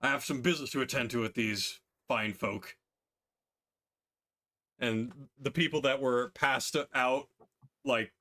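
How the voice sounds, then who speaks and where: A man's voice: lowish voice, a bit bright. A man narrating a tabletop game as game master in a casual style, with fillers and laughs.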